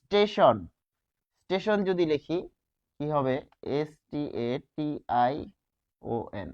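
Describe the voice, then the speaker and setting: A man teaching a grammar lesson, posing rhetorical questions and answering them, stretching key words slowly. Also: fairly high pitch, animated, darkish tone, clean tone. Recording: dull lo-fi sound.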